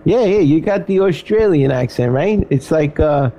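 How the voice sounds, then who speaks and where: A man's voice: fairly high pitch, expressive, moderate pace, dark tone. A man with a Brooklyn accent chatting casually as a radio host, blunt and joking, saying "you know" often, over a noisy voice channel. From Brooklyn, New York. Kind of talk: casual chat.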